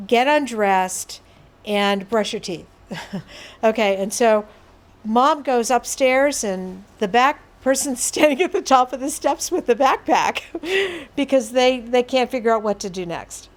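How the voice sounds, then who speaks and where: This woman's voice is on the high side and expressive, her delivery a little slow. She's presenting an educational behaviour management workshop, patiently explaining with everyday examples and occasional asides.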